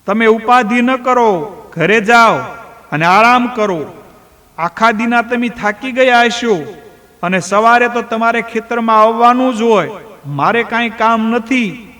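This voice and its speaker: A man voicing a gentle, devoted young village man who speaks in a soothing, reassuring way. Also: unhurried, full character voice. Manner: soothing, reassuring, raised high voice. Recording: long hall reverb.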